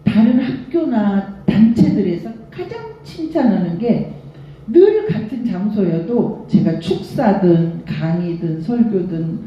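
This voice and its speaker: An older woman pastor giving a revival sermon, telling stories with lively, acted-out quoted voices. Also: medium pitch, slow, heavy reverb, lo-fi sound, slight background noise. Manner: animated storytelling, acts out quoted voices. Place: church sanctuary.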